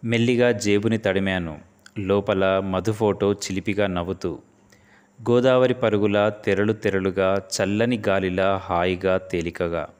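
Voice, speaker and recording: A man narrating an emotional first-person love story in a soft, heartfelt storytelling manner. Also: deep voice, fairly even intonation, a little slow, clear, resonant tone. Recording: long reverb.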